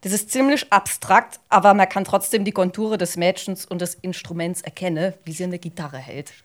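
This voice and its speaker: A woman's voice: fairly low pitch, brisk, lightly acted. A woman from Mannheim reads out a robot museum guide's text in Mannheim dialect on a live podcast stage, stumbling over long words. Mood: amused reading. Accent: Mannheim dialect (Kurpfälzisch). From Mannheim, Germany. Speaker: podcast editor. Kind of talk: reading a scripted robot text aloud live.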